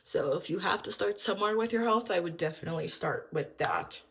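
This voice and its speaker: A woman's voice: fairly low pitch, lively intonation, brisk, a little hiss or hum. A young woman vlogger in a casual, upbeat chat to camera, a little out of breath and using lots of fillers. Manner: chatty, upbeat, filler-heavy. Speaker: lifestyle vlogger.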